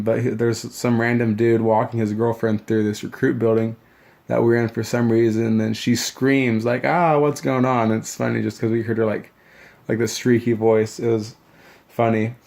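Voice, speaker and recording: A young man talks through his story in a casual, meandering way, often stopping to restart a thought. His voice has a gravelly, creaky edge. He stays fairly flat in pitch and rarely rises or falls much. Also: moderate pace. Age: young adult. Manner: rambling, loose, many fillers and restarts. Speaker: new Marine recalling boot camp.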